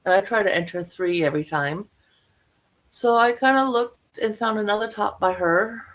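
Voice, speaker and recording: A woman's voice: medium pitch, moderate pace. A middle-aged woman talking casually to her viewers about her crochet projects, rambling and correcting herself as she goes. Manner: rambling, chatty, self-correcting. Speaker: crochet vlogger.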